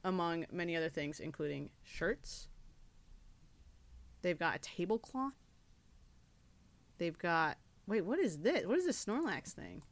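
A woman's voice: on the low side, animated, unhurried, long pauses. Teasing young woman podcast co-host. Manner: teasing, playful. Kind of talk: casual chat.

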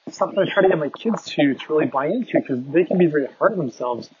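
A man's voice: fairly high pitch, animated, rapid-fire, darkish tone. A man hosting a podcast, talking casually and rambling with lots of fillers while out on a walk. His voice sounds tinny, like it's in a tin can, recorded through earbuds on a phone. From Canada. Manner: rambling, filler-heavy, conversational. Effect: tinny, tin-can sound from earbud mic. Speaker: podcast host. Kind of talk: casual monologue while walking. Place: outdoors on a walk, windy. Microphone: phone with wireless earbuds. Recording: tinny muffled earbud mic, faint wind.

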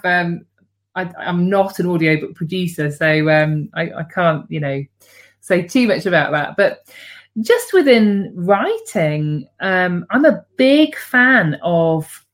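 A woman book coach answering interview questions in a casual, hesitant way, with many pauses and restarts. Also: lowish voice, expressive.

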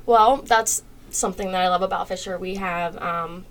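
A woman's voice: lowish voice, normal speed, low-quality recording. A woman guest on a podcast, chatting casually about new home communities, with frequent ums as she lists details. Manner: relaxed, frequent ums while listing details. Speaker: home builder sales guest.

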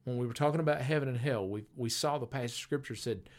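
An older man preaching in an easy conversational way, like a radio host telling a story. His voice sits in a middle pitch, and he stays earnest. He slows right down when he stresses a point.

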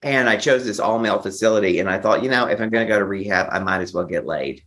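Here a memoir author, interviewed as a guest, shares a personal tale in a fast, lowish voice that's a little bright. His manner is frank and dramatic, and he acts out quoted remarks.

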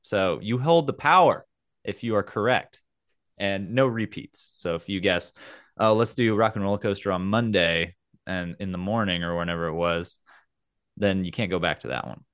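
A man hosting a casual game, explaining the rules in a playful, theatrical way with dramatic pauses. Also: low voice, a bit bright, no room sound, clean studio sound. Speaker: game show host.

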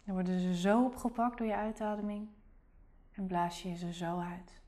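A woman leads a guided relaxation meditation, speaking in a hushed, soothing whisper. Her tone is mellow and warm, with steady, gentle phrasing. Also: mid-range voice, normal speed. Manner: soft whispering, calm and soothing.

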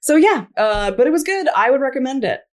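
A woman's voice: sits high, very animated, a little fast. A woman co-hosting a podcast in a casual, playful chat, laughing often. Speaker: podcast co-host.

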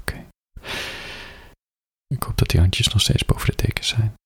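A man reading an adult story aloud as a bedtime story, soft, slow and intimate, drifting into whispers, close to the microphone. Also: fairly low pitch, slightly rough, no echo.

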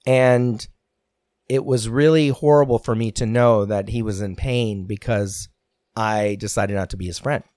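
A man candidly recounting a painful personal story, earnest and reflective, pausing and restarting as he talks. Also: on the low side, steady tone, a little mellow, dry recording, clean studio sound. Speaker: podcast guest telling his story.

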